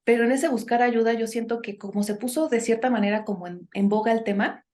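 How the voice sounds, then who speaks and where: A woman with a fairly high, slightly mellow voice talks a little fast as a guest in a conversational podcast interview about impostor syndrome. She gives earnest advice, often ending sentences with tag questions and using "este" as a filler.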